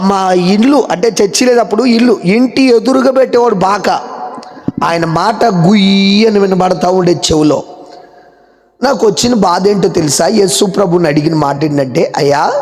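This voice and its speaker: A male pastor preaching a sermon loudly, firing questions at the congregation and waiting for replies. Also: high voice. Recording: long hall reverb.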